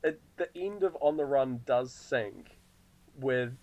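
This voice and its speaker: A man in casual podcast conversation, relaxed and loose in his phrasing. His speech is full of "like" fillers, and he laughs easily. He has a medium pitch and talks into a podcast microphone. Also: takes it slowly, rough recording. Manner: laid-back, lots of filler "like", laughs often. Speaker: podcast co-host. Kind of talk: casual film discussion.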